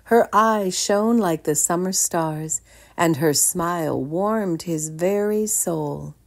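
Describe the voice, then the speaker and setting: A woman reading a children's picture book aloud, expressive and pausing to ask her listeners questions. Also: lowish voice, creaky. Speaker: storytime reader. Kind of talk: children's read-aloud narration.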